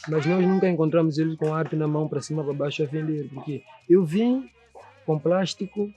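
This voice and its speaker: A man's voice: a little high, normal speed, dark tone, highs cut off, faint music behind. A man from São Tomé with a São Tomé Portuguese accent, a sculptor speaking earnestly and reflectively in a documentary interview, often checking that the listener understands. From São Tomé and Príncipe. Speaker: sculptor and painter.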